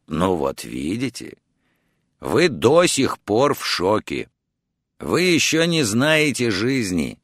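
A man playing a jaded detective who talks down in a low, flat, lecturing tone. He is blunt and unhurried, and the recording is dry and close. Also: dry recording, heavily acted. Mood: dismissive.

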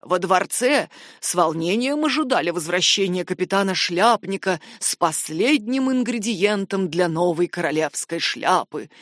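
Хриплый мрачный лорд, которого играет женщина. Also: female voice, lowish voice, lively intonation, no room sound, clean studio sound. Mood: grave. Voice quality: hoarse, rasping. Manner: halting, heavy delivery. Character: grim, shaken nobleman drenched by the storm. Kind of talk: audiobook character voice.

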